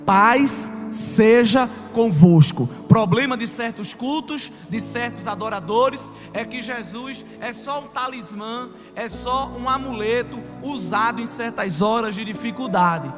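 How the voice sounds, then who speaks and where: Man, pastor, emphatic sermon, high voice, reverberant hall. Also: measured pace, hardly any pauses. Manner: emphatic preaching, swelling to loud declarations. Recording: long hall reverb with music.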